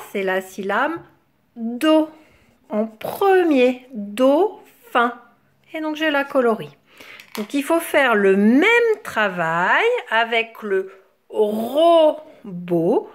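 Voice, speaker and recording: A woman teacher explaining a classroom exercise to young children, sounding out words syllable by syllable. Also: mid-range voice. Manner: syllable-by-syllable enunciation, drawn-out words.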